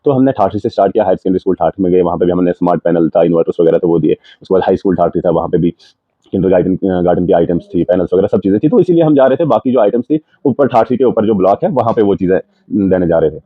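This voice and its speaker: A man's voice: low-pitched, racing, no room sound. A man with a Jammu and Kashmir accent, working as a politician's personal assistant, gives a statement to the press and recounts events step by step. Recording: tinny phone-like line, dry.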